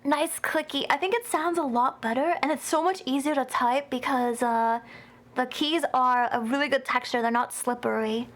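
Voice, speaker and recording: A woman's voice: high voice, moderate pace. A young woman streamer chatting casually with her chat, giggly and a bit tired, with a headache.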